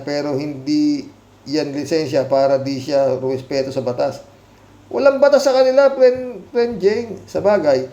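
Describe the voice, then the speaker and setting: Mellow-voiced man, sarcastic commentary, roomy echo. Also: mid-range voice. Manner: sarcastic, mocking, laughs often. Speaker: commentary channel host. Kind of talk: casual commentary reading viewer comments.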